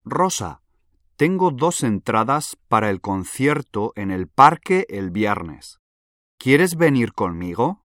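A man playing a friendly twenty-six-year-old in a scripted language-exam dialogue, speaking slowly and clearly. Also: medium pitch, big pitch swings, a bit bright, dry recording, clean studio sound. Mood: casual. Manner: slow, clearly spaced delivery.

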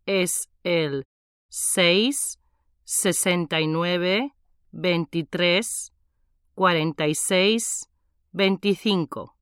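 A woman's voice: fairly low pitch, very slow, a bit bright, smooth, no room sound, studio quality. A woman playing a cheerful nineteen-year-old in a scripted language-exam dialogue, carefully enunciating. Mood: casual.

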